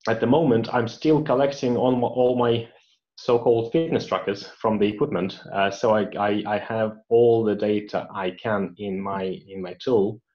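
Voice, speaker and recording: Answering career questions read out to him, a Russian-native mechanical engineer speaks in a low, flat male voice at a moderate pace. He hesitates often, restarting and using fillers, and the recording sounds dull and lo-fi.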